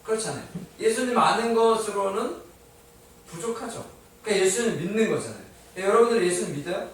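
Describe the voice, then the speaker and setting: Speaking a little fast in a high-pitched, animated voice, a male pastor preaches in a church sanctuary. He keeps questioning his congregation and supplying the answers himself, adding a bit of light humor, and the echoey hall is recorded from a distance.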